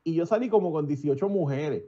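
A man's voice: on the high side, a little fast, lo-fi sound. A young man telling stories in casual podcast chat, swearing often and mixing in English. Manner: profane, animated, switches into English. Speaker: podcast guest.

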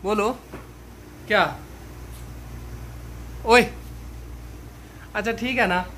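A man's voice: sits high, fairly even intonation, extremely slow, pushed and bright, slight background noise. A man in his thirties filming a casual family vlog in a small room at home, pleading with his wife and sounding exasperated. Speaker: vlogger husband. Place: small home bedroom, indoors.

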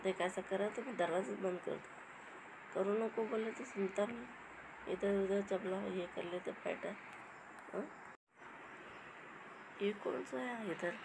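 Woman chatting to her pets in a funny voice-over, gravelly and unhurried, lots of noise behind. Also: medium pitch. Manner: playful scolding, coaxing the animals. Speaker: voice-over commentator for pet clips. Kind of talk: comic voice-over talking to pets.

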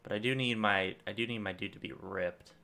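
A young gaming-channel host with a fairly low, brisk voice thinks aloud as he plays, rambling through casual commentary. He records at a desk in a small room at home, and his loudness swings lively from moment to moment.

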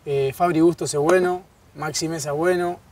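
A man in his thirties with a Rioplatense Spanish accent, a guest footballer chatting casually in an outdoor garden bar, relaxed and repeating his words. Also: fairly high pitch, normal speed. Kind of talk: casual interview chat. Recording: distant outdoor pickup, faint ambience.

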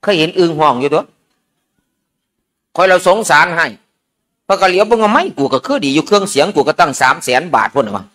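Folksy Isan monk giving a sermon. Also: male voice, on the high side, lively intonation, fast, long pauses, fairly bright tone. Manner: folksy, joking storyteller. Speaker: Buddhist monk. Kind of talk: informal sermon at a merit-making ceremony.

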